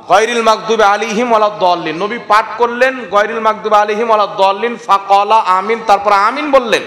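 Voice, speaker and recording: West bengal accent guy preaching, real high bright voice, rhetorical questions, big echoey hall. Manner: exhorting, calls on the crowd to respond. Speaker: Islamic preacher. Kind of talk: sermon.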